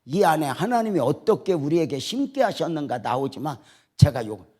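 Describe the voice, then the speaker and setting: A middle-aged male pastor preaching a sermon in a church, moving between hushed retellings and rising, emotional appeals. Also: fairly high pitch, big pitch swings, a little fast, slightly rough. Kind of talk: sermon at a revival meeting. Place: church sanctuary.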